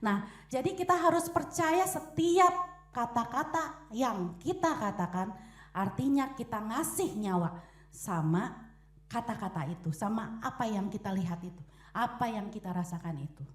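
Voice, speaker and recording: Lively high-voiced woman preaching. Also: normal speed. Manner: lively, acts out quotes and echoes. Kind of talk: sermon. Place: church hall.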